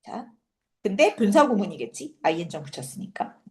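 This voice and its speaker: A woman teaching an English reading passage for a high school exam, explaining it casually and acting out quick asides and rhetorical questions. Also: very animated. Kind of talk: exam prep lecture.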